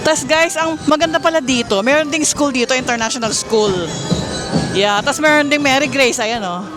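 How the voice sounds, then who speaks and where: Casual vlogger: Filipino woman, fairly high voice, raising it over crowd noise outdoors, music audible. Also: normal speed, low-quality recording. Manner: chatty, keeps addressing viewers as guys; raises her voice to be heard over the crowd. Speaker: vlogger giving a mall tour. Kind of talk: casual walking vlog. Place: busy outdoor shopping mall.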